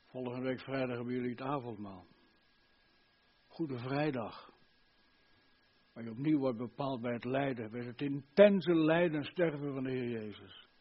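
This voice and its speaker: An older man preaching a sermon, fervent, swinging between loud emphasis and hushed earnestness. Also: medium pitch, normal speed, pauses often, muffled recording.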